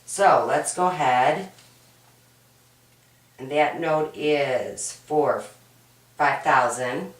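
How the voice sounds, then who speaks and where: Hoarse and raspy from a cold, a woman with a low voice teaches accounting through a homework walkthrough, going one step at a time and patiently asking "right?" along the way. She draws out words and leaves long pauses, and the distant mic gives the sound a roomy echo.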